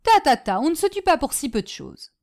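A woman's voice: sits high, big pitch swings, a little fast, voice pushed up. A scornful, bossy old aunt, put on by a woman reading. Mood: stern. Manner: sharp, mocking, commanding. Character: domineering stubborn older aunt, scornful and scolding.

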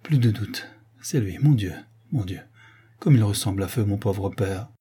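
A man's voice: lowish voice, moderate pace, dark tone, slightly rough. A man doing a trembling young servant girl. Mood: anguished murmur. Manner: trembling, anguished pleading. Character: frightened tearful young female servant.

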